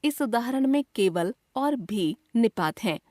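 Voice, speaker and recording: A woman's voice: fairly high pitch, a little slow, dry recording, clean studio sound. A woman reading a scripted grammar lesson, acting out the example exclamations with feeling. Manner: reads examples with expressive emotion.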